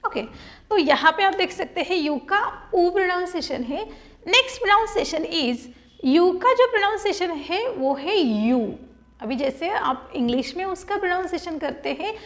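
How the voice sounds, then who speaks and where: A woman's voice: extremely high pitch, animated, moderate pace. A woman with an Indian accent teaching an English phonics lesson in Hindi, spelling out letters one by one and then saying each word.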